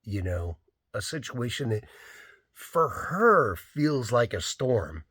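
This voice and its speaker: Unhurried man with a husky, lowish voice, rambling storyteller for a vlog. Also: very animated, fairly bright tone, no room sound, studio quality. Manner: rambling, fills with "like" and "you know". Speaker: rideshare driver.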